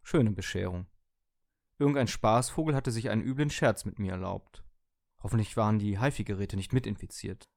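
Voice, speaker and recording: A man's voice: on the low side, a little fast, gravelly, darkish tone, dry recording. A man reading a humorous short story aloud, with wry, dry storytelling. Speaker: narrator.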